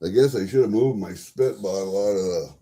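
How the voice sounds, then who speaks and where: A man with a low, very mellow and relaxed voice hosts a casual livestream. He talks in a folksy, rambling way, thinking aloud and swearing freely as he addresses his viewers. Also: moderate pace. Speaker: livestream host.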